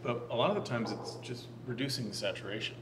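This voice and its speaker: A man's voice: medium pitch, lively intonation, fast. A man on a panel who speaks in a dry, matter-of-fact way. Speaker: panelist, artist. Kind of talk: casual panel chat. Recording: noisy background.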